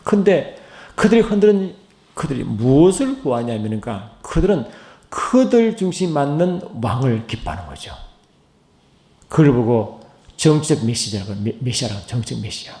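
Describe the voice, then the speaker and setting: A middle-aged man preaching a sermon as pastor. He swings between loud, high, rising calls and low, hushed asides, and keeps asking the congregation questions. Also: big pitch swings, moderate pace. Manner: asks the congregation many questions. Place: church sanctuary. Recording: roomy church echo.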